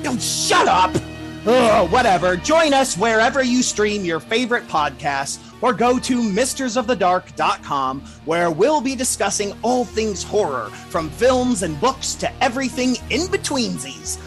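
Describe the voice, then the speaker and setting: A man's voice: high-pitched, very animated, measured pace, over music, pitched above the performer's own voice, exaggerated voice. A man playing a pompous, irritable lord who hosts horror, theatrical and exasperated, in a comic podcast promo.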